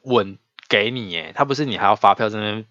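A man co-hosts a relaxed podcast, spinning anecdotes and breaking into laughter. His voice sits low yet sounds bright and pushed forward. It is recorded close and dry on a slightly dull mic. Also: quick pace, no echo. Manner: chatty storyteller, laughs often. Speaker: podcast co-host. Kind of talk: casual chat.

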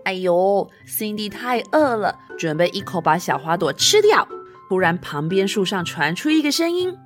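A woman telling an interactive story as if reading to a toddler, with playful questions, sound effects and drawn-out words. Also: medium pitch, very animated. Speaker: children's storyteller. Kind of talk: interactive storytelling for small children. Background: children's music.

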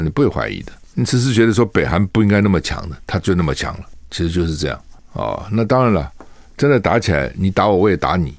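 Low-voiced older Taiwanese radio host. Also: male voice, no room sound. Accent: Taiwanese Mandarin. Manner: chatty, rhetorical questions, acts out quoted voices. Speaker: radio talk show host. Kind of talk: casual political commentary. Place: radio studio.

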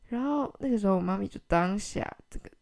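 A young woman hosts a casual podcast and tells a family story. She rambles with many fillers and giggly asides, and her pitch moves in a lively way. Her voice has a gravelly fry. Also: fast. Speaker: podcast host. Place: home.

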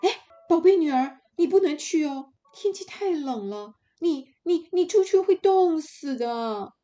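Anxious fussing mother for a kids' tale, shrill and loud, a woman doing the voice. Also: expressive, unhurried, muffled recording. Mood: alarmed. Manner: alarmed, fussing. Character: anxious doting stepmother.

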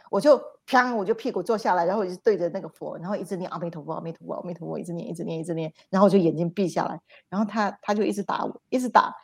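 A woman speaks as a spiritual teacher on a livestream. She tells her stories in an animated way, repeating phrases and adding sound words. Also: medium pitch. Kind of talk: livestream storytelling talk.

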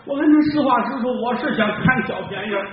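A man's voice: extremely high pitch, fast, background noise. A man voicing a sheepish petty thief confessing before a magistrate. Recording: echoey, distant, dull live stage recording.

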